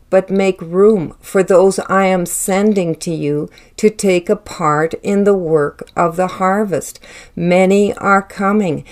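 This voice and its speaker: A woman delivering a prophetic word in a slow, measured and solemn manner, speaking in the first person as the Lord and then explaining it. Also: medium pitch.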